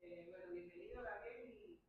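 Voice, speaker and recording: A woman's voice: medium pitch, sing-song, moderate pace. A woman introducing a speaker at an event, a little hesitant, with fillers. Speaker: event presenter. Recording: echoey hall, distant mic, muffled, noisy.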